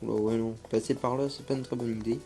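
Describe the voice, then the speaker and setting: A man's voice: mid-range voice, fairly even intonation, quick pace, mellow, soft background music. A young man giving casual gameplay commentary, hesitant and full of fillers. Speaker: gaming YouTuber.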